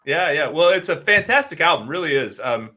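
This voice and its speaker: A man in his late forties, a guest on an online video-call chat, telling rambling stories in a lively, animated way. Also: fairly high pitch, a little fast. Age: 40s. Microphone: headphones and laptop on a video call.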